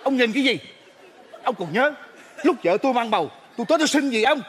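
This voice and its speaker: A man's voice: extremely high pitch, animated, fast, fairly bright tone, breathy edge, some chatter behind. A man playing an indignant father in a live stage comedy sketch, firing back short questions. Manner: indignant, blustering, repeats questions. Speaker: comic actor playing a father. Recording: live stage with audience noise.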